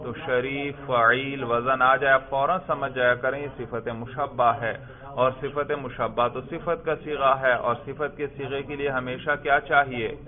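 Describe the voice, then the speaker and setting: In this classroom recording, a man's mid-range voice stays level as he quizzes students on Arabic grammar and drills their responses. It sounds as if it came through a phone, thin and narrow.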